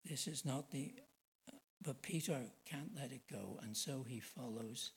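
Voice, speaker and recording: A man's voice: mid-range voice, measured pace, creaky, a little hiss or hum, low-quality recording. Earnest middle-aged male preacher. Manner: earnest, emphatic, asks rhetorical questions. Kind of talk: sermon.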